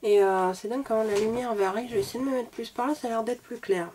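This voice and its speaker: A woman's voice: fairly high pitch, steady tone, quick pace, a little mellow, slight background noise. A woman reviewing makeup in a chatty, self-deprecating way, a little sick and coughing now and then. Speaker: beauty vlogger.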